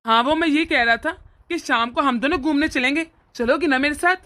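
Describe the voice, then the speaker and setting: A woman's voice: high voice, sharp tone. A woman voicing a hot-tempered young husband and doting brother in a cartoon. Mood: earnest. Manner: earnest, quick to anger. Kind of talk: cartoon voice acting.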